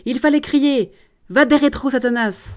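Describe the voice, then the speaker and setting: A woman voicing a mocking, scheming male prosecutor priest who sneers and shouts, in a read-aloud play. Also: medium pitch, fairly even intonation, normal speed, natural voice. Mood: shouting. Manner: sneering, loud and forceful.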